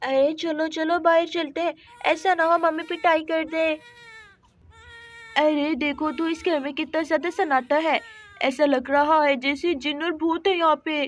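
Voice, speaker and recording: A woman's voice: sits high, fairly even intonation, unhurried, a little hiss or hum. A woman voicing two young daughters who whine and plead in a doll story. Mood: whiny. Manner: whiny, pleading, tearful.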